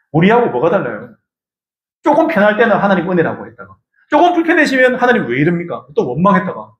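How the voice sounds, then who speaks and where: A man preaching a Sunday sermon as pastor, animated and questioning his congregation in a church sanctuary. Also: high voice. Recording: echoey church room.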